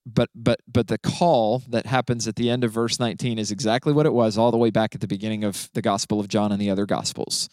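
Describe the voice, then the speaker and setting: A man, a pastor, explaining a Bible passage in a relaxed conversational way, often checking in with "right?". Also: fairly low pitch, fast talker, hardly any pauses, no echo. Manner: explanatory, frequent "right?" and fillers.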